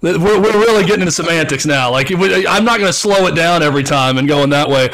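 Fast-talking joking sports podcast host. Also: male voice, fairly high pitch, expressive, a bit bright. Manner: joking, quick-witted. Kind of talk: casual podcast chat.

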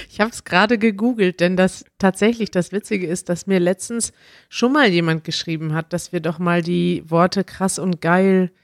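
A woman's voice: lowish voice, fairly even intonation, normal speed, dry recording. Woman cohost chatting casually on a podcast, laughs a lot, dead dry close mic. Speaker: podcast co-host. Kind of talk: casual chat.

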